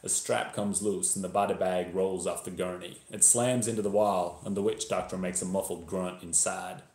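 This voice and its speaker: A man with a low, dark-ish voice reads a first-person, audiobook-style crime thriller at normal speed and a steady tone, playing a tense, hard-boiled Texan narrator with an attempted Texas accent. The recording comes from a live video stream and has a roomy echo.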